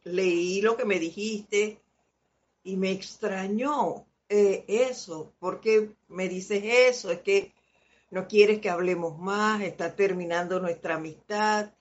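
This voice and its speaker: With a mid-range voice and lo-fi audio, a woman leads an informal live spiritual talk. She teaches slowly through anecdotes from her own life, laughing often as she goes.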